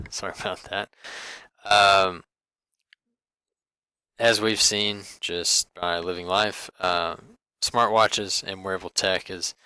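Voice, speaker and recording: A young man giving a class presentation over slides, halting and full of fillers and restarts. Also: low voice, bright, forceful tone, smooth, no echo. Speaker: student presenter.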